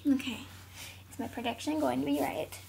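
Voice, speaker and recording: A woman with a high, slightly gravelly voice chats about toys in a casual, giggly way. She sits in a carpeted room at home, talking to a camera set on the floor. Her delivery is loose and playful. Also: steady tone, a little fast, dark tone, a little hiss or hum. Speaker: toy reviewer. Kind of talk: casual toy unboxing chat.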